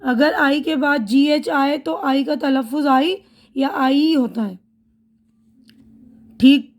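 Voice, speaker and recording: Woman, English teacher, high voice, deliberate word-by-word drills. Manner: patient, repeats each word with its meaning. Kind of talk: slow spoken-language lesson.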